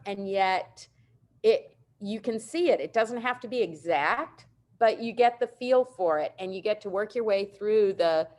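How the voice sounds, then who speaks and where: A middle-aged woman speaks over a video call, walking her audience through artists' prints. She sounds warmly enthusiastic and informal, with relaxed asides and quick self-corrections. Her voice sits at an ordinary middle pitch. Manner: warm, enthusiastic explaining. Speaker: printmaker presenting artists' work. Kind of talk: virtual presentation talk.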